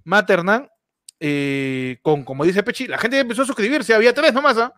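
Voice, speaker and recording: A man hosting a podcast, joking excitedly and laughing as he plugs a friend's channel. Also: high voice, moderate pace, no echo, clean studio sound. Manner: excitable, laughing, playfully mock-amazed. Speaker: podcast host. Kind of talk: joking podcast banter with live promotion.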